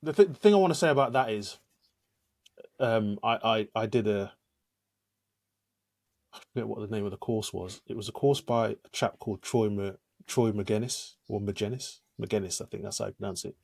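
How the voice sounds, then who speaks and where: A man's voice: on the low side, normal speed, vocal fry, a little mellow. A man co-hosting a podcast, talking casually and thoughtfully with hesitant restarts. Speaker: podcast co-host. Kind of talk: casual chat.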